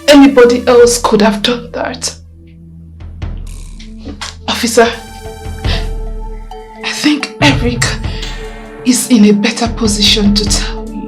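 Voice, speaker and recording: A woman's voice: a little high, slow pace, long pauses, faint music behind. An actress playing a carefree, independent young woman in a film drama, with a Nigerian accent. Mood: defensive. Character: carefree, independent young woman who resists being fussed over.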